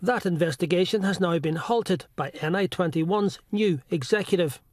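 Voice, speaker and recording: A man's voice: sits high, moderate pace, darkish tone, no echo, studio quality. A man narrating a scripted political news report.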